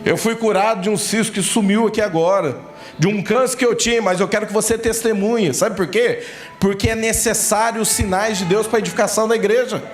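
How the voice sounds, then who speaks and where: A man's voice: high voice, steady tone, a little fast. A male pastor from Brazil preaching a fervent sermon, often asking his congregation "amém?". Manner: fervent preaching, addresses listeners as "querido", asks "amém?". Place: church sanctuary. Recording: echoey church hall, faint music.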